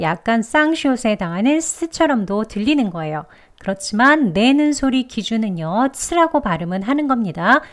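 A woman with a slightly high voice and a Korean accent gives a scripted English pronunciation lesson. She explains each step plainly and then says the example phrases slowly, over and over.

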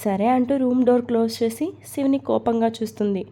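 A woman storyteller reading a romantic serial story in a steady, expressive scripted narration. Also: on the high side, fast.

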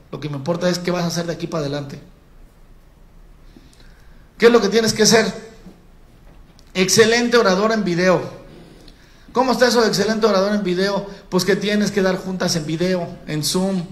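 Mexican male sales trainer, high voice, colloquial and demonstrative, live in an echoey event hall. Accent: Mexican Spanish. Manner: colloquial, addresses audience as compadre, demonstrates by acting out. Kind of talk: live public-speaking training.

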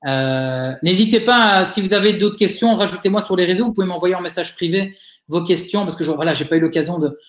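A man's voice: high voice, fast, a bit bright. Man with a Liège accent, roomy sound. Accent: Liège Belgian French. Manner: chatty and encouraging, frequent hesitations. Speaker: webinar speaker, digital agency owner. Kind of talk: live webinar Q&A answers. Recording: roomy webinar audio.

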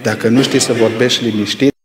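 A man preaching a sermon, swinging between loud rising exclamations and hushed low asides, firing rhetorical questions at the congregation. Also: steady tone, a crowd in the background. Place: church hall. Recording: echoey reverberant church hall.

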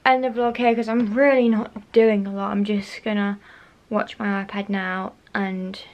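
Speaking at a slightly slow pace with a level, medium-pitched voice, a young vlogger chats into a handheld camera held near her face. She's indoors in her bedroom, wandering from thought to thought, repeating things and sometimes falling to a whisper.

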